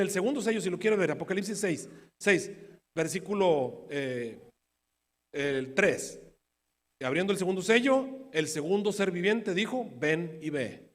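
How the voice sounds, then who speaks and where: High-voiced preacher in a reverberant hall. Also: male voice. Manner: questions the audience rhetorically, swings from emphatic to quiet. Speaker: preacher teaching prophecy. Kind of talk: sermon-style Bible study.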